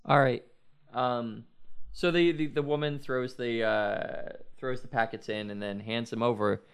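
A man narrating a tabletop role-playing game as game master, in a loose, halting way with many fillers and restarts. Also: medium pitch, steady tone, clear, resonant tone.

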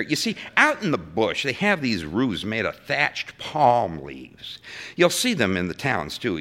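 Defensive and explaining, a civil servant faces senators in this dramatic story reading, voiced by an actor whose medium-pitched delivery is pushed and bright. The character sounds exasperated, folksy and emphatic, stammering through his self-justification.

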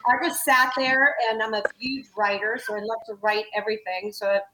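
A woman's voice: a little high, fairly even intonation, brisk. A woman introducing a guest in a casual interview, talking eagerly. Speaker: foundation co-founder. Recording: echoey room with background noise.

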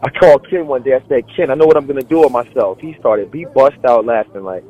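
A man hosting a casual podcast chat in a middle-pitched voice. He rambles and reflects, and he jumps into animated quoted asides. His talk is loose and conversational. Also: fast talker, lo-fi sound. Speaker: podcast host.

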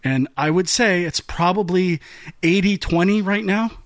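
A man's voice: high-pitched, measured pace, no echo. A man co-hosting a gaming podcast, arguing in a fired-up, ranting way with stumbling restarts. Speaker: podcast co-host. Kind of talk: heated casual debate.

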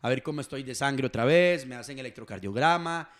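A man with a Costa Rican accent co-hosting a casual talk show, telling animated stories and acting out quoted dialogue. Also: mid-range voice, a little fast. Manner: animated storyteller who acts out quoted dialogue. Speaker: co-host. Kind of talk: casual chat, storytelling.

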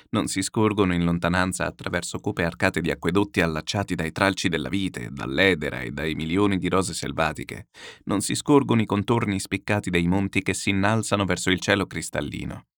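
A man reading a literary text aloud, declamatory and lyrical, with slow solemn pauses. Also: sits low, dry recording, clean studio sound. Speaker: reader.

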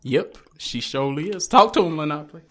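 A man's voice: fairly high pitch, lively intonation, a little fast, a bit bright. A man hosting a podcast, drunk and joking loosely, laughing often. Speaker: podcast host. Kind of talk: casual podcast chat.

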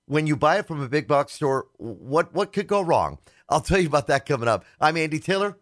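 Lively, joking man hosting radio. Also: on the high side, fairly quick, dry recording, clean studio sound. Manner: joking, laughs easily, stammers on restarts. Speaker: radio show host. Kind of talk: casual radio talk.

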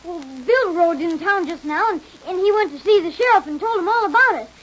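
A young performer playing an excitable boy of the Old West in a 1930s radio drama. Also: extremely high pitch, a little fast. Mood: excited. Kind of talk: 1930s radio Western acting. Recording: muffled, hissy 1930s radio recording.

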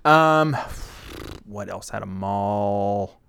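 A man's voice: lowish voice, lively intonation, extremely slow, gravelly, a bit bright, slight background noise. A man co-hosting a casual podcast, thinking aloud as he tries to recall old episodes. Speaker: podcast co-host and editor. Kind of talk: casual chat.

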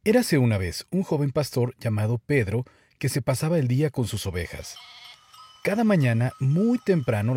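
A man narrating a children's fable in an expressive, scripted storybook style. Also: mid-range voice.

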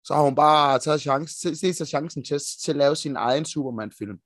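An excitable Danish man chatting on a podcast, swearing freely as he gushes about comic lore. His voice sits a little high and the sound is dry and close, with no room echo. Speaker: podcast co-host. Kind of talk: casual podcast chat.

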